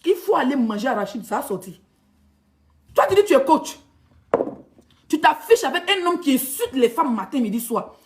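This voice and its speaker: A woman blogger with an Ivorian French accent, ranting in a heated, mocking vlog monologue. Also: high-pitched. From Ivory Coast. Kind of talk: ranting social media vlog.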